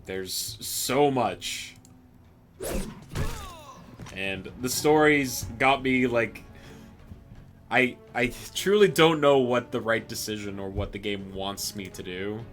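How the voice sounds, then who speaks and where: A man giving casual live commentary on a video game, musing aloud in a halting way as he plays. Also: medium pitch, a bit bright, faint music behind. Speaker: game streamer.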